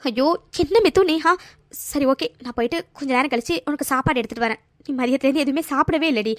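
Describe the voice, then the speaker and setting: A woman's voice: high voice, quick pace, fairly bright tone, dry recording, clean studio sound. Woman voicing a fiery, protective cartoon friend. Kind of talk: cartoon voice acting.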